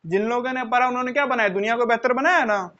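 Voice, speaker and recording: A man with a strikingly high voice lectures students in an earnest, explanatory way. He keeps asking his listeners questions, then supplies the answers himself, and calls them children. The recording sounds muffled and lo-fi. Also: fast, sharp tone. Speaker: teacher. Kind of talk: motivational classroom lecture. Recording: dull lo-fi recording.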